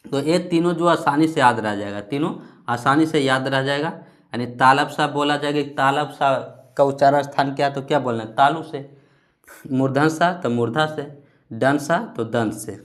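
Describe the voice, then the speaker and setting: A male teacher with a Bihari Hindi accent giving a grammar lesson, drawing out syllables to demonstrate them and answering his own questions. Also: mid-range voice.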